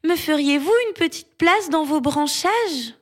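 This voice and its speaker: A woman's voice: sits high, measured pace, voice pushed up. A woman voicing a small injured bird who asks politely and timidly for shelter, in a French storybook tale. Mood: hopeful. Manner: polite, pleading.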